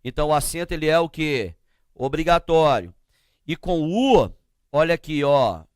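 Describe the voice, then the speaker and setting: A man teaching a grammar lesson, explaining slowly and often asking the class to check they follow. He speaks with a Brazilian Portuguese accent. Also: fairly high pitch, expressive, clean tone, dry recording, clean studio sound. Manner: slow, drawn-out explanations with frequent checking questions.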